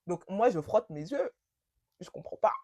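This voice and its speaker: Animated young woman telling a story. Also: medium pitch, normal speed, no room sound. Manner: animated, slangy, emphatic retelling. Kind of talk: casual storytime monologue.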